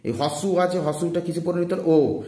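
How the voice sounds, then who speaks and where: A man's voice: on the high side, fairly even intonation, a little fast, dark tone, reverberant. A male teacher giving an exam-prep grammar lesson, drilling his students with repeated questions and answers. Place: room, filmed with handheld phone. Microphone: handheld phone.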